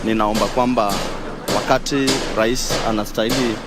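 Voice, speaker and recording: A man's voice: lowish voice, steady tone, normal speed. Kenyan-accented man interviewed over music. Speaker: motorbike taxi rider being interviewed. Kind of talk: street interview. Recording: music behind street interview.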